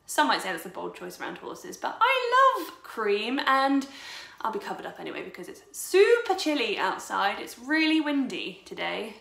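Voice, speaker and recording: A woman's voice: on the high side, wildly swooping pitch, normal speed, gravelly, a bit bright. A woman chatting casually to camera in a horse vlog, upbeat and talkative, also chatting to her horse. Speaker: horse vlogger. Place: kitchen, car, then horse stable.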